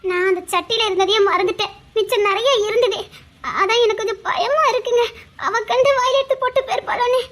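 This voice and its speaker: A woman's voice: very high voice, steady tone, fast, a bit bright, slight background noise. A woman acting a frightened young wife who pleads tearfully with her husband in a family drama. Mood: scared, tearful.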